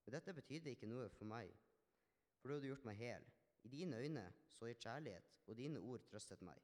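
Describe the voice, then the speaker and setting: The humble, grateful Samaritan leper, played by a man, speaks in an earnest, reflective dramatic monologue. His voice sits at an ordinary pitch for a man. A long reverb from a large hall trails after every phrase. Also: expressive, a little mellow, close to an everyday voice. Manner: earnest, reflective storytelling with small restarts. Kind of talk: dramatic first-person monologue.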